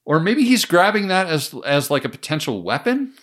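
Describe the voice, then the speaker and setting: A man co-hosting a casual movie review podcast, walking through the plot beat by beat. His voice rises and falls in a lively, animated way as he tells it. He keeps it relaxed and amused. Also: fairly high pitch, normal speed. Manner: animated storytelling, recounting plot with frequent laughs. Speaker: podcast co-host.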